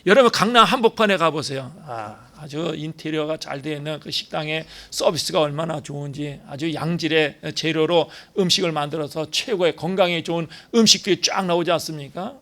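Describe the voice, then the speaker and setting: A man's voice: fairly high pitch, fairly quick, hardly any pauses, fairly bright tone. A male pastor preaching a sermon, emphatic, asking rhetorical questions and dropping in short affirming "yes" interjections.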